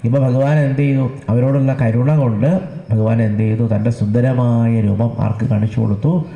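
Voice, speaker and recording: Man giving a temple sermon, dark echoey voice. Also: medium pitch, fairly even intonation, vocal fry, lo-fi sound. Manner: asks the audience questions and answers them himself; chants verses slowly, repeats words for emphasis. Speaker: religious discourse speaker. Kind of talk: devotional scripture discourse. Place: temple gathering.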